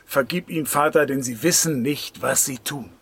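A man preaching a sermon in an earnest, insistent way, swinging between loud emphatic lines and hushed near-whispers. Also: medium pitch, moderate pace, husky.

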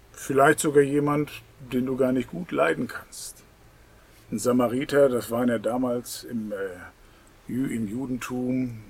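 A man preaching a sermon, swinging between loud, emphatic lines and near whispers. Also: mid-range voice, husky.

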